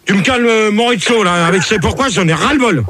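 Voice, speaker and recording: A man hosting a chaotic radio phone-in debate, bossy and quick to snap at callers. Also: high voice, expressive, crowd noise. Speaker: debate host.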